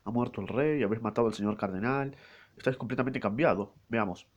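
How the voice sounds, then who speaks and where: A man's voice: mid-range voice, lo-fi sound, natural voice. Athos, grave phlegmatic musketeer, read by a man. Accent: Argentine Rioplatense Spanish. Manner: measured, often slowed. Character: older male musketeer, phlegmatic and gloomy.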